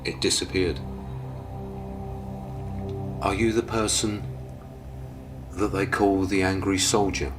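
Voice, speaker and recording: A man working as a paranormal investigator, explaining things on location in an old fort in a hushed, steady, matter-of-fact way. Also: low-pitched, takes it slowly, pauses often, music in the background.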